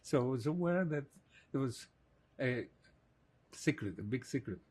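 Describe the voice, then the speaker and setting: A man in his eighties from Greece, slowly and reflectively recalling his childhood in an oral history interview, with soft laughs. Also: medium pitch, expressive, slightly rough. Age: 80s.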